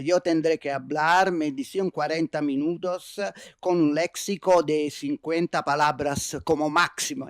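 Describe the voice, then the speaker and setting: An Italian keynote speaker lectures at a conference in a university lecture hall, using a non-native language with an Italian accent. He's hesitant, with many fillers and restarts, and his fairly high voice is captured in a dry, clean studio-sounding recording.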